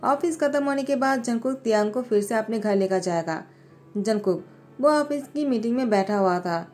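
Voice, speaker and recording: A woman narrating a story with plain, steady storytelling. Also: fairly high pitch, normal speed. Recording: voice-over with background music.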